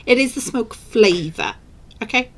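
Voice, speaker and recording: A woman co-hosting a podcast, chatting casually with quick asides. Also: a little high, lively intonation. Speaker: podcast co-host. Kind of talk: casual chat.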